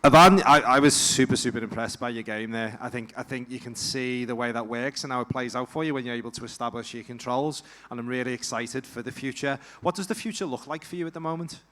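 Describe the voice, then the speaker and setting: A man commentating a grappling event and interviewing fighters, loud and energetic with the crowd. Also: mid-range voice, fast talker, hardly any pauses. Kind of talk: live sports commentary and interviews.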